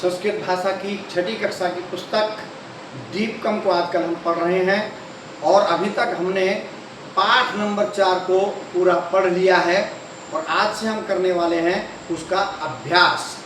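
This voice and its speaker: A man's voice: high voice, fairly even intonation, measured pace, a bit bright, a little hiss or hum. A male teacher and channel host who opens the lesson by speaking directly to his students. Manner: friendly, addresses students directly. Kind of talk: lesson introduction. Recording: very echoey room, voice far from mic.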